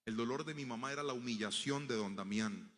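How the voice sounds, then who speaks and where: A man's voice: medium pitch, brisk, a bit bright, in a large hall. A man preaching a sermon, telling a personal story and acting out the dialogue in it before building to emphatic preaching.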